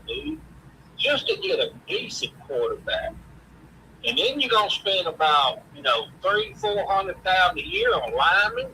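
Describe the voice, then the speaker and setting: A sports show host with a folksy Mississippi drawl, this man talks in a high, very bright and forceful voice. His delivery is casual and lively, swinging up and down as he chats. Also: slight background noise, poor audio. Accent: Southern US, Mississippi.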